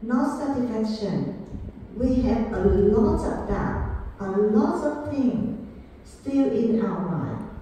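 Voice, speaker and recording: A woman giving a Buddhist dharma class, speaking deliberately and repeating key phrases to her students. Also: a little high, lively intonation, mellow, slight background noise. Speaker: Buddhist teacher. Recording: echoey hall, far from mic.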